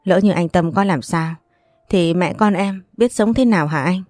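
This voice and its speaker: A woman's voice: lowish voice, normal speed, darkish tone, no room sound, faint music behind, close to an everyday voice. A woman voicing a distraught aunt who laments and begs for help in a read-aloud story. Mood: pleading. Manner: pleading, lamenting. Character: distraught aunt, wailing and pleading.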